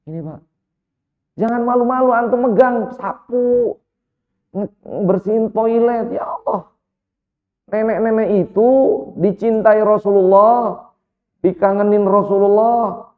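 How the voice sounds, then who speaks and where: A man preaching as an Islamic preacher, telling a story with lively, repeated direct address to his listeners. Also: sits high. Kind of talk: sermon. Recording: echoey hall over a tinny line.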